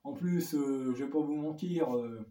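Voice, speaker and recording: Excitable northern French man unboxing. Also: on the high side, a little slow. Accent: Ch'ti. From northern France. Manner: excited, stumbling over words. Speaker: vlogger. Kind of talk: casual unboxing vlog.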